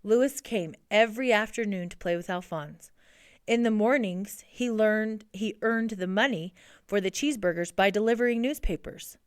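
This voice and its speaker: A woman's voice: medium pitch, normal speed, clear, resonant tone, dry recording, clean studio sound. Woman reading a storybook aloud. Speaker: narrator. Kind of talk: reading a picture book aloud.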